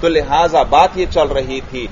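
A man's voice: on the high side, a little mellow, slight background noise. A man teaching a grammar lesson to a class, often asking students questions and repeating their answers. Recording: dull lo-fi recording.

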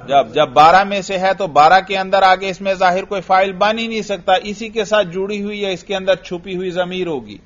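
A man teaching a grammar class, patient and coaxing. He quizzes his student and echoes each answer back. His voice sits a little high, and the lo-fi recording sounds dull.

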